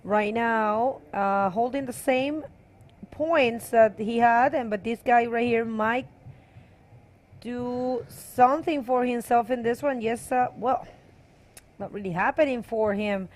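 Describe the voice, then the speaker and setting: A woman's voice: on the high side, slow, darkish tone. Casual woman surf contest commentator. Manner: casual, hesitant, with many fillers. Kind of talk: live sports commentary.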